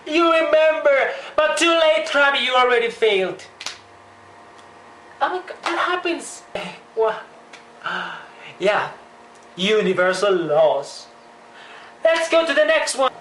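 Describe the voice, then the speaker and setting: A young woman with a fairly high voice rattles through a comedic vlog with exaggerated, joking energy. She is recorded in an echoey room with a faint hiss underneath. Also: very animated, slow, long pauses, fairly bright tone. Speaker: vlogger.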